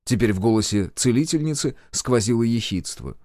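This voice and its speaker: Male audiobook narrator, animated, dry close read. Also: mid-range voice, fairly quick, no echo. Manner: expressive storytelling. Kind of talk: first-person audiobook narration.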